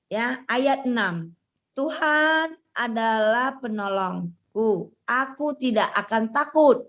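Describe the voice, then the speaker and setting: A woman's voice: a little high, highs cut off. Earnest woman sharing a prayerful testimony. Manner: earnest, prayerful, casual storytelling. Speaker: person giving a testimony.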